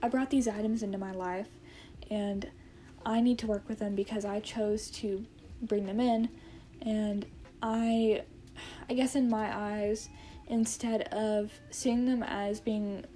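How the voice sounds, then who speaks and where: A woman's voice: fairly high pitch, warm tone, a little hiss or hum. A woman in her twenties chatting casually to camera, hesitant and rambling, often correcting herself as she goes. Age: 20s. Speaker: vlogger. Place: indoor room at home with plants.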